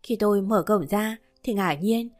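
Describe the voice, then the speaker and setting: A woman reading a first-person romance novel aloud in an even, steady storytelling manner. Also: mid-range voice, a little slow. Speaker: narrator. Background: soft background music.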